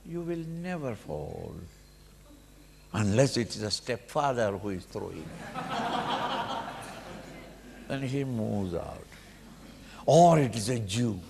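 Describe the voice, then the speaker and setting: A man's voice: lowish voice, vocal fry, darkish tone, slight background noise. A man with an Indian accent giving a dramatic spiritual discourse as a teacher, emphatic and full of rhetorical questions. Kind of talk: animated sermon with acted-out examples. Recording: reverberant hall with long echo.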